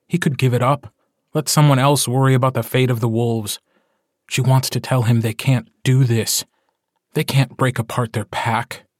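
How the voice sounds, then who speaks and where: A man narrating a short story as an audiobook, in a calm, measured storytelling voice. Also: medium pitch, no echo, studio quality.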